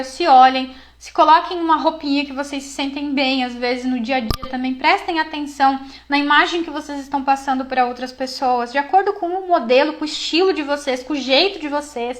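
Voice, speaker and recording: A woman with a high, light voice leads a live online class as a psychologist. She talks in an encouraging, lively way and drops in plenty of casual fillers as she coaches the students.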